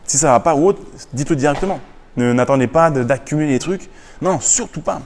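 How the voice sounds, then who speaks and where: Energetic man summarizing a book. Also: a little high, brisk, long reverb tail, a little hiss or hum. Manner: energetic, repeats phrases, mixes English quotes. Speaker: business YouTuber. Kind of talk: casual book summary to camera.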